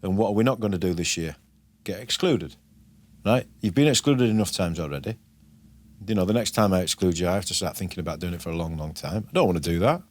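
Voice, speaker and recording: For a documentary interview and school talk, a Yorkshire-accented head teacher in middle age speaks firmly and plainly about his pupils and school, staying measured. His voice is low, yet his intonation is lively.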